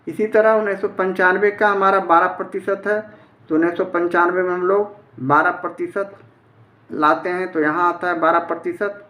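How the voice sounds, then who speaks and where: A man's voice: fairly high pitch, fairly bright tone. A man teaching a step-by-step math lesson, explaining methodically in a plain way. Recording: echoey room.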